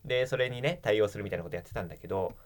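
A man's voice: lowish voice, very fast. A young man telling a rambling, funny story in casual free talk, laughing as he goes and acting out the lines he quotes. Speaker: podcast co-host.

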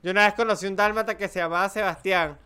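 A man's voice: high voice, fairly even intonation, fast talker, bright, forceful tone, clear, resonant tone. A Venezuelan man in his thirties co-hosting a podcast, joking and self-mocking in slangy casual chat. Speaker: podcast co-host.

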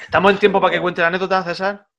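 Host: fast-talking man, jokey, a bit high-pitched. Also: little pitch movement, creaky, fairly bright tone. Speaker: podcast host. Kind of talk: casual chat.

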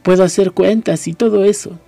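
A timid, startled young boy asks one question after another in a raised, uncertain voice, as a man reading aloud plays him. The tone stays mellow and slightly husky. It is a storybook reading. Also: high voice, steady tone, fairly quick, soft background music. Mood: bewildered. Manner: hesitant, questioning.

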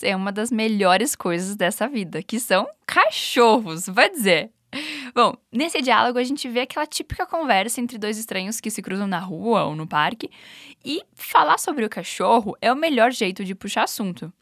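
A woman with a Brazilian Portuguese accent, an upbeat, encouraging English teacher running clear repetition drills. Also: on the high side, fairly bright tone, dry recording, clean studio sound. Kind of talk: language lesson with repetition drills.

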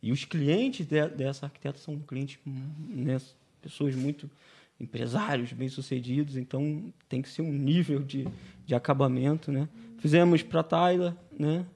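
A painting business owner with a Brazilian Portuguese accent appears as a podcast guest, talking casually and telling stories while tagging nearly every sentence with "né?". His voice is fairly high, creaky, darkish and slightly rough, at a normal speed.

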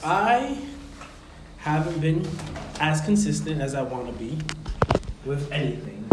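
Man chatting in a big echoey room. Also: fairly high pitch. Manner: informal, filler-heavy, rambling explanations. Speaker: podcast host. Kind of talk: casual podcast chat. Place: reverberant indoor room with big echo. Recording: echoey reverberant room, clear background noise.

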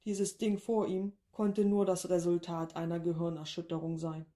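A woman narrating a short story in a calm, even read-aloud manner. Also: fairly low pitch, normal speed.

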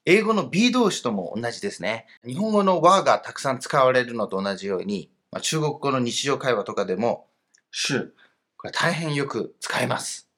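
Man with a lively, animated teaching voice. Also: mid-range voice, normal speed. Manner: explanatory, patient. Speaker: language teacher. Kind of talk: online grammar lesson.

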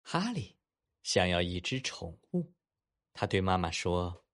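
A man narrating a children's story and talking to young listeners afterward, with animated asides. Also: deep voice, unhurried, soft background music. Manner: animated, warm-toned coaxing asides to kids.

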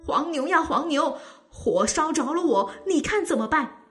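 A woman's voice: sits high, animated, a little slow, a bit bright, faint music behind, voice pushed up. Woman putting on a proud bossy tiger. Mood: panicked pleading. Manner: scornful, bossy. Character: proud boastful male tiger.

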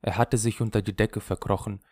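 Low-voiced male audiobook narrator. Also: fairly even intonation, a little fast, a little mellow, dry recording. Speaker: audiobook reader.

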